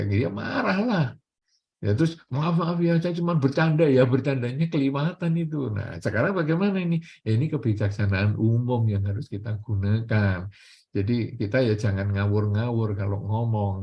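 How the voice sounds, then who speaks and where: An older Buddhist monk preaches in an easy, conversational manner. His voice is mellow and warm, and it leaps up and down in pitch whenever he acts out what people say. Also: husky. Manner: colloquial, often acts out everyday dialogue with big pitch swings. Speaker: Buddhist monk giving a dharma talk. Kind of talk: sermon.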